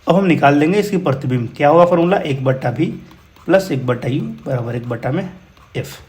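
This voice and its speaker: A man's voice: fairly high pitch, fairly quick, darkish tone. A man with a Bihari accent teaching physics numericals in a casual, encouraging way, often calling his students brother. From India. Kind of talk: explaining exam problems.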